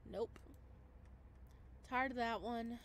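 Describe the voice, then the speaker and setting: Taking it slowly, a woman with a slightly high voice plays through a visual novel, reading its narration expressively and slipping in casual, chatty remarks. Background music plays, along with a little hiss or hum.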